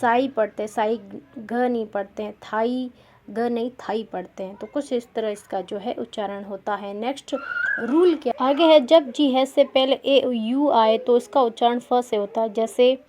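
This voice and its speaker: Woman teacher, slow deliberate delivery, warm mellow tone, repeats key points for learners. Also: a little high. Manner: slow, repetitive, asks and answers her own questions. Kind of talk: Hindi-language English pronunciation lesson.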